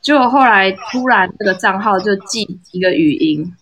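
A woman's voice: mid-range voice, normal speed, slight background noise. A woman calling in to a live talk show to tell a story in a casual, chatty way, acting out the people she quotes. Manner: animated, acts out quoted lines. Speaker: caller sharing a story.

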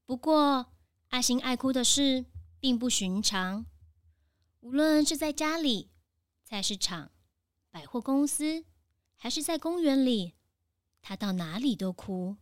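A woman narrating a children's story in a gentle, sing-song way. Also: high-pitched, lively intonation, a little slow, pauses often, no echo, clean studio sound. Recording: background music.

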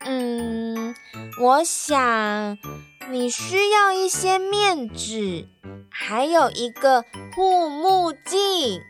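A woman voicing a kind, gentle young bear cub who calls out to others with care. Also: high voice, big pitch swings, very slow, over music, pitched above the performer's own voice, heavily acted. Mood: worried kindly. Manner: caring, calling out gently.

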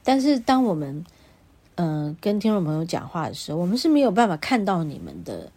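A woman's voice: on the low side, sing-song, brisk, mellow, husky. Chatty Taiwanese woman hosting a podcast. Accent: Taiwanese Mandarin. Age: middle-aged. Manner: chatty, laughs often, acts out quoted dialogue. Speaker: podcast host and healer. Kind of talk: casual solo podcast chat. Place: home.

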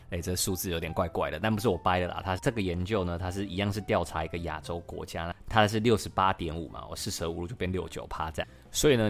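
A man, hosting a podcast lesson and patiently explaining English words, spelling them out letter by letter. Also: deep voice. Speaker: English teacher and podcast host.

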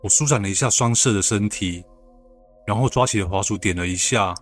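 A man calmly narrating a first-person ghost story. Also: fairly low pitch, a little fast, soft background music.

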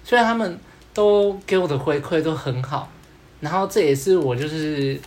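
A man's voice: fairly high pitch, slight background noise. A man co-hosting a podcast in casual chat, rambling and often repeating himself. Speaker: podcast co-host.

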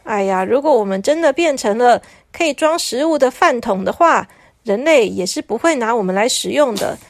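A woman's voice: fairly high pitch, normal speed, dry recording. A woman voicing chattering talking toilets. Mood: scoffing. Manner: excited, bickering. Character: chatty talking toilets, boastful then sulky.

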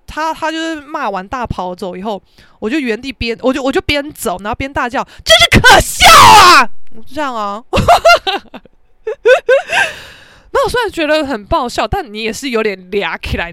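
A woman's voice: on the high side, expressive, fast talker, clean tone, dry recording. A woman with a Taiwanese Mandarin accent hosting a podcast, telling a story in a brash, profane, dramatic way. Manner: brash, profane, dramatic, shouts out reenacted quotes. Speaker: podcast host. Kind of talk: casual storytelling monologue.

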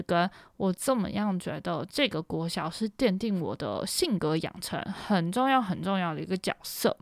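A woman's voice: on the low side, vocal fry, no room sound, clean studio sound. A young woman from Taiwan's Matsu islands, hosting a podcast and telling a story in a chatty, rambling way full of fillers and self-corrections. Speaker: podcast host. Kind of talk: casual storytelling monologue.

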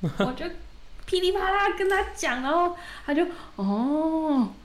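A woman co-hosting a podcast, retelling a story in a lively, casual way and acting out the quoted dialogue. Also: extremely high pitch, moderate pace. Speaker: podcast co-host.

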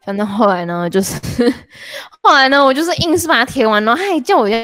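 A young woman with a Taiwanese Mandarin accent hosts a podcast, telling a story in a casual, animated chat full of fillers and laughing mid-story. Her voice is fairly high and a little fast, with no echo and faint music in the background.

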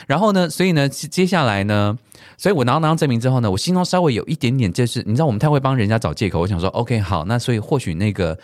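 A middle-aged man with a Taiwanese Mandarin accent hosts a solo podcast and tells a travel story with animated English swearing mixed in. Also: mid-range voice, racing, no room sound, studio quality. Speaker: podcast host.

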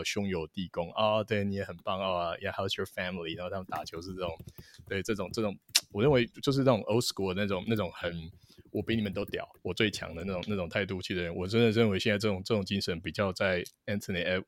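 A man's voice: low voice, rapid-fire, no room sound. A man co-hosting a casual podcast, opinionated and mixing English words into his speech. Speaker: podcast co-host. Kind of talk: casual sports chat.

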